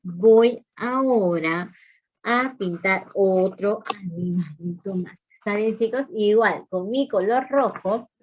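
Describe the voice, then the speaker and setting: A woman's voice: mid-range voice, dull audio. A woman preschool teacher talking to small children as if to toddlers, in simple, repetitive, sing-song encouragement. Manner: repeats phrases and questions for young listeners.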